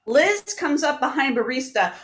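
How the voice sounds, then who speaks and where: A woman playing a tabletop game in character over a video call, brisk and impatient. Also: high voice, animated, fairly bright tone. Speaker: player.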